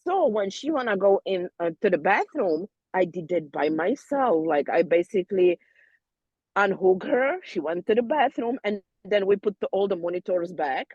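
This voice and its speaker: A woman, a doula student, casually telling peers about a birth in halting, non-native English full of fillers and restarts. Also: mid-range voice, expressive, darkish tone, breathy edge, no room sound, highs cut off. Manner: non-native phrasing, loose grammar.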